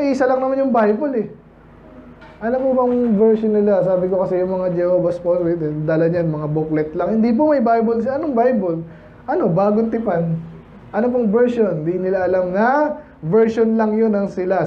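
High-voiced Filipino pastor preaching casually. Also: male voice, muffled recording, slight background noise. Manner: conversational preaching, asks the congregation "Amen?" and "di ba?". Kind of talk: Baptist sermon. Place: church.

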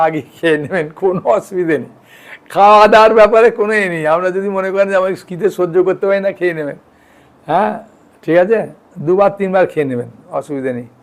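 A man gives a relaxed devotional talk in a fairly high voice. He explains practices plainly and keeps asking his listeners if they follow. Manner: conversational, frequent "yes?" and "all right?" checks with listeners. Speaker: devotional teacher. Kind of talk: informal devotional lecture.

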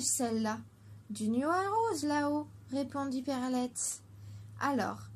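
Female narrator for a children's storybook: high-pitched, clear and gentle, with light background noise.

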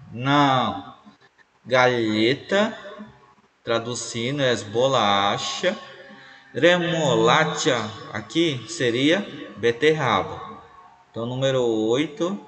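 A man's voice: medium pitch, fairly bright tone. A male language teacher going over quiz answers, explaining each word step by step and repeating terms aloud. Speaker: Spanish teacher.

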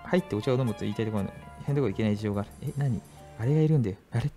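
A young man commentating a horror game, reading the text aloud and reacting with frequent high, loud panicked yelps. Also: rapid-fire, faint music behind. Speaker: virtual YouTuber streamer. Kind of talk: game let's play commentary.

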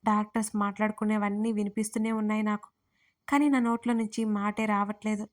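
A woman's voice: mid-range voice, flat delivery, fairly quick. A woman narrating her own emotional first-person audio story, voicing every character herself. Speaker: writer and narrator.

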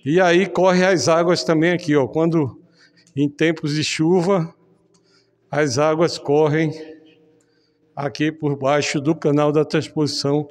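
Brief: male reporter, fairly high voice, chatty, speaking to camera, tunnel echo. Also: level tone, measured pace, pauses often. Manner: chatty, addresses viewers directly. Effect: echo of a concrete tunnel. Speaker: reporter presenting an online channel. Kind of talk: on-location video report. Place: inside a concrete tunnel under a canal.

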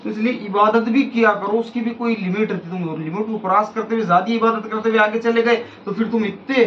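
A middle-aged faith healer preacher with a voice that sits high exhorts his listeners, repeating phrases for emphasis. The recording is lo-fi in an echoey room with faint ambience and slight background noise.

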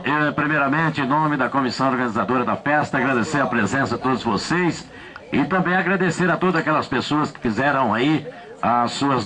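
A man's voice: fairly high pitch, rough recording. A middle-aged man, working as a livestock auctioneer in a projected voice on a handheld microphone. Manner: repetitive chanting of bids, projected. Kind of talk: cattle auction calling. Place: outdoors by a cattle pen at a country festival. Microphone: handheld microphone held close.

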